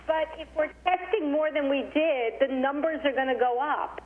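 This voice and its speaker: A woman's voice: sits high, steady tone, moderate pace, long reverb tail. A woman county supervisor calling into a meeting on a crackly speakerphone that fades in and out, asking pressing questions. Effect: crackly speakerphone call, fading in and out. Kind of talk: meeting discussion by phone. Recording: tinny phone line with faint hiss.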